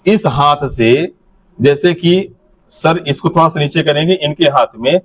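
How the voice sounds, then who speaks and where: A man's voice: fairly high pitch, a little slow. A man leading teachers through a classroom activity, giving step-by-step directions to a group in a hall. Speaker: teacher trainer.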